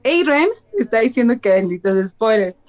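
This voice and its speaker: A woman's voice: on the high side, expressive, moderate pace, no echo, muffled recording, faint music behind. A woman with a Mexican accent co-hosting a casual live stream, giggling as she reads out viewers' greetings.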